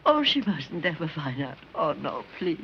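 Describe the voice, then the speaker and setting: A woman's voice: deep voice, big pitch swings, moderate pace. An actress playing a distraught older woman street fruit seller, sobbing and pleading in a 1930s film. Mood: pleading, tearful. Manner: sobbing, pleading, breaking into whispers. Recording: dull old 1930s film soundtrack, faint hiss.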